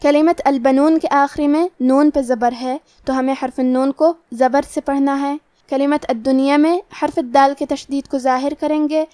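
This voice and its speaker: A woman teaching Quran recitation rules, explaining each letter step by step in a methodical, measured way. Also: high-pitched, steady tone, mellow, no room sound. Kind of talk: tajweed lesson, explaining rules then reciting slowly.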